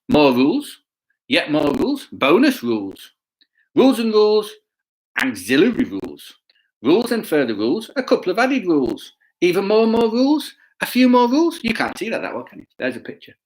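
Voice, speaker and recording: A man reads a children's bedtime story aloud, playful and expressive, breaking in with chatty asides and frequently asking his listeners questions. His voice sits in the mid range, and the audio quality is poor.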